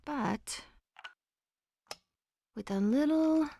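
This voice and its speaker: A woman's voice: high-pitched, animated, extremely slow, gravelly, warm tone, exaggerated voice. An actress playing a sardonic young woman who breaks rules playfully, speaking in a wry, teasing way in a video game. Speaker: former student guiding a stranger.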